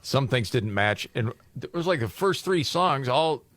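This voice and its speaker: A man's voice: mid-range voice, a little slow, no echo. A man hosting a radio talk show, chatting casually and telling stories with animation. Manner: animated storyteller. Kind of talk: casual studio banter.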